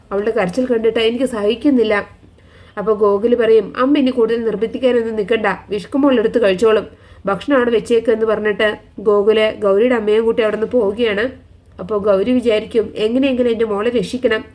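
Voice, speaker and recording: A woman's voice: fairly high pitch, darkish tone. A woman retelling the plot of a TV serial in a chatty way, speaking every character's lines herself. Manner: chatty, keeps the listener engaged. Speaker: storyteller.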